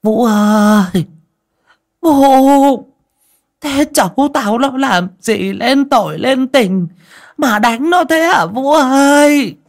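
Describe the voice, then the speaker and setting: A man's voice: very high voice, slow pace, gravelly, pitched above the performer's own voice, exaggerated voice. Man voicing a quavering grandmother over eighty. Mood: wailing. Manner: quavering wail. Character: frail grandmother over eighty, toothless and trembling. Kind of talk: audio story reading.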